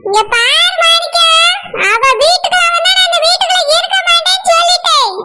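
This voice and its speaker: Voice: very high-pitched, a little fast. A performer voicing a stern, scheming village mother-in-law with a Tirunelveli Tamil accent in a cartoon. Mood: commanding. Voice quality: commanding, blunt. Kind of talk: cartoon voice acting. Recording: loud background noise.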